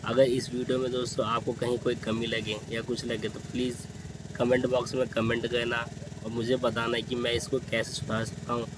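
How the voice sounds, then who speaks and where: Chatty man narrating over road noise. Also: mid-range voice. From India. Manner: chatty, keeps addressing friends, repetitive. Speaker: moto vlogger. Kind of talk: travel vlog narration. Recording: noisy road ambience behind voice. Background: traffic and vehicle noise.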